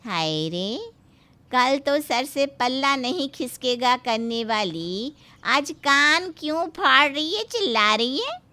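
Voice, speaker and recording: A woman voicing a loud, nagging middle-aged mother-in-law in a cartoon story, scolding and wailing melodramatically. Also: sits high, expressive, slow, exaggerated voice. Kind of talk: cartoon voice acting.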